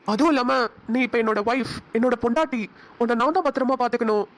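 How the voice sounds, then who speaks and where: A woman voicing an earnest, hot-tempered young husband in a cartoon, talking quickly. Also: on the high side, lightly acted. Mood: tender, pleading. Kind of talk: cartoon voice acting.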